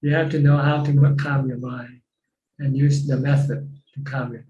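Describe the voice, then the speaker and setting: A monk speaks in a flat, level tone with a dark, mellow voice. He explains simply and repeats phrases as he answers. The call audio is roomy and dull. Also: medium pitch, moderate pace. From Thailand. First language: Thai. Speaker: Buddhist monk teacher. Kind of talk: dharma Q&A talk. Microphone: video call.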